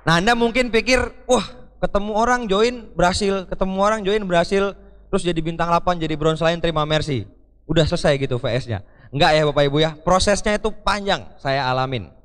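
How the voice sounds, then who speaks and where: Male motivational speaker with a fairly high voice, animated stage storyteller, recorded live in a hall with a long echo. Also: fairly quick. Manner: lively storyteller who acts out quoted dialogue and keeps addressing the audience. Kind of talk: live stage talk to an audience. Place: large event hall.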